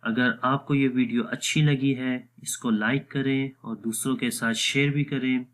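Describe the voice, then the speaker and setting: A man teaching a Quran recitation lesson, explaining pronunciation and drawing out each sound slowly to demonstrate it. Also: mid-range voice, steady tone, fairly bright tone. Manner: drawn-out demonstrative pronunciations of letters.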